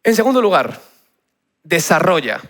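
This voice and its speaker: A man with a Spain Spanish accent giving an energetic youth talk, punchy and often checking in with the crowd. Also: high voice, moderate pace. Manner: punchy, asks the crowd "¿sí?" over and over. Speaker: youth speaker.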